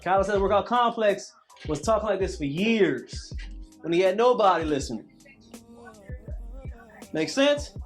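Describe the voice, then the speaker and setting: Guy in his 30s calling out workout cues, high voice, preachy and repetitive, faint music behind. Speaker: fitness coach. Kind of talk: workout vlog coaching.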